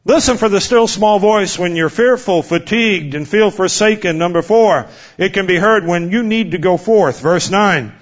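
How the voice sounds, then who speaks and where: A man in his fifties delivers a sermon in a fairly high voice. He swings between loud, urgent exhortation and a quiet, hushed delivery. The recording sounds dull and lo-fi. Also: normal speed. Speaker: preacher.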